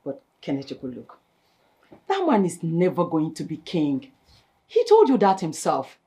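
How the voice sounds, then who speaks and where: An actress playing a level-headed friend who questions and challenges a scheming wife. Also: female voice, low-pitched, huge pitch swings, measured pace, mellow, exaggerated voice. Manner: reasoning, challenging. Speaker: concerned friend.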